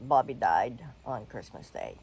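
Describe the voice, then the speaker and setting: A woman's voice: very deep voice, big pitch swings, measured pace, vocal fry, a little mellow, slightly rough, low-quality recording. Blunt older woman telling a story. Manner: candid, blunt, with coughs and sighs. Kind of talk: personal storytelling.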